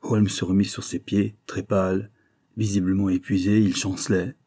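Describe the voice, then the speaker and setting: A man narrating an audiobook in the first person, in a measured storytelling manner. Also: deep voice, level tone, warm tone.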